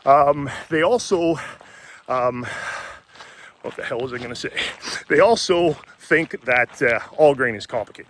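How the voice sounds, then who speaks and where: A man of middle pitch talks casually while out walking, breathing hard from the effort. He is blunt and chatty, swears now and then, and often restarts his sentences. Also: a bit bright, a little hiss or hum. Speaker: homebrewing vlogger and brew pub owner.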